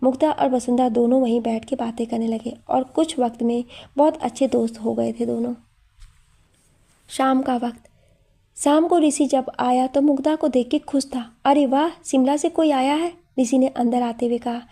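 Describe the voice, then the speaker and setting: A woman's voice: on the high side, normal speed. A woman narrating a scripted audio story, reading steadily and voicing every character herself. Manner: steady storytelling, reads all the voices.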